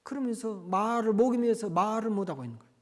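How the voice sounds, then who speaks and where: A man preaching as a pastor, telling a sermon story in an animated way that swings between loud and hushed. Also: sits high, fast. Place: church.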